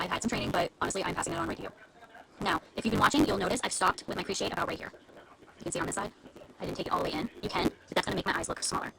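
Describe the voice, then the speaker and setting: A woman with a gravelly, creaky voice and a very rapid delivery, walking viewers through her makeup in a chatty live stream from home. She explains each step in close detail. There is clear background noise on the recording. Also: mid-range voice. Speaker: beauty influencer. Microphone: live-stream camera mic.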